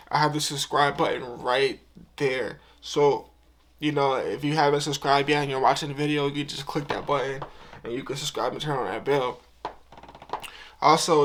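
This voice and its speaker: Young man, about twenty, slightly raised pitch, heartfelt, casual slang, emotional vlog to camera. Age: 20s. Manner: earnest, heartfelt, repeats himself, gets choked up; casual slang-filled talk. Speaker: YouTuber.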